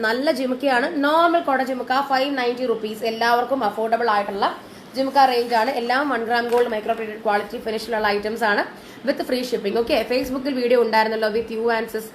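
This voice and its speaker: Female live-sales host, higher register, casual and chatty despite a cold, some background noise. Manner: chatty, mixing in English words. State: has a lingering cold and cough. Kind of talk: casual live sales chat, greeting viewers.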